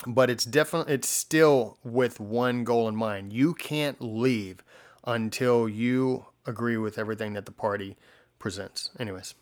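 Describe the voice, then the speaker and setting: Guy cohosting a history podcast, animated, lots of ums and likes, mid voice. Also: medium pitch, moderate pace. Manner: animated storytelling, many fillers. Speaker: podcast co-host. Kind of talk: casual history podcast chat.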